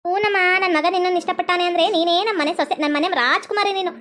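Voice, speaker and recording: A woman voicing a gruff, scheming older mother-in-law, scolding in a low voice. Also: racing, fairly bright tone. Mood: coaxing.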